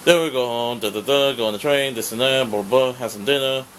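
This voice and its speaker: A man's voice: medium pitch, fairly quick, a bit bright, a little hiss or hum, low-quality recording. A man recapping his convention day in a casual vlog, rambling with lots of fillers and swearing. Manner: rambling, profane, heavy fillers. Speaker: vlogger.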